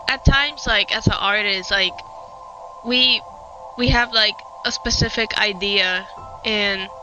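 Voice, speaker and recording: Over game music, a Puerto Rican woman streamer gives loose let's-play commentary in a muffled recording. She's young, a native Spanish speaker with a Puerto Rican Spanish accent, and her voice sits on the high side as she rambles with many fillers and restarts.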